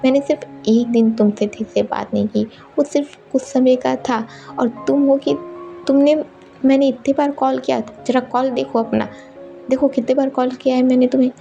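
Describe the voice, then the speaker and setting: A hurt, reproachful young woman in a spoken storybook, questioning fast and sharply, as a woman narrator puts her on. The voice is very gravelly and mellow, pitched a little higher than the narrator's own. A dull, lo-fi recording with faint music underneath. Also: fairly even intonation. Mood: angry. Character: young woman upset her girlfriend ignored calls.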